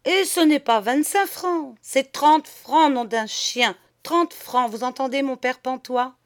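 A woman voicing a boastful, blustering middle-aged man, the master of the house, who talks loudly and swears freely. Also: extremely high pitch, unhurried, pitched above the performer's own voice. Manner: loud, swaggering, swears freely.

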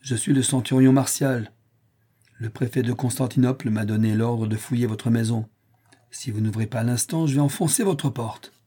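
Man reading as a harsh commanding centurion, loud, husky, dark timbre. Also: mid-range voice, steady tone, moderate pace, close to an everyday voice. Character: menacing, mocking male Roman centurion.

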